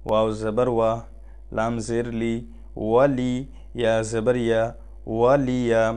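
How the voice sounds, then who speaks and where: A man with a Bengali accent teaching Quran reading, spelling out letters and vowel marks, drawing out each syllable slowly and then explaining quickly. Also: medium pitch, flat delivery, darkish tone, clear, resonant tone. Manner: slow drawn-out syllables alternating with quick spoken explanations. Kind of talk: spelling out Arabic letters and vowels in a recitation lesson.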